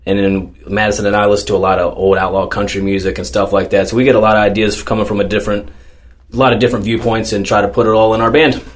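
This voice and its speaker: A man from North Carolina who fronts a metal band, telling stories in a relaxed, joking way during a casual interview. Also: fairly low pitch, fast. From Charlotte, North Carolina. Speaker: band singer and guitarist.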